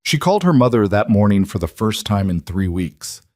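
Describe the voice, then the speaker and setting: A man giving measured, reflective scripted narration of a drama story. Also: on the low side, big pitch swings, a little mellow, no echo, studio quality.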